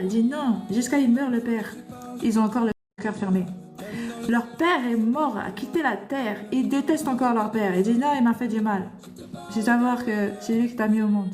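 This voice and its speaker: A woman's voice: a little high, warm tone, roomy sound. A woman preaching fervently on a live stream, scolding her listeners and firing rhetorical questions at them. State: tearful. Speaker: livestream host. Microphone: phone.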